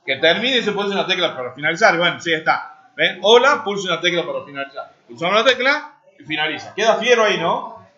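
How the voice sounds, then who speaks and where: Quick-paced and sharp, a high-pitched man in his 40s swings widely in pitch while teaching programming live. He types as he speaks and asks students checking questions, and the classroom recording sounds dull and lo-fi.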